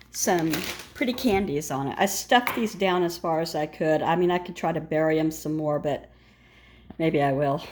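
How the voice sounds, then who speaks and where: A woman's voice: fairly low pitch, a little mellow. A woman vlogging from her home kitchen, talking casually while she bakes, rambling and laughing often, a little shaken and frazzled. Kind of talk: casual chat while baking.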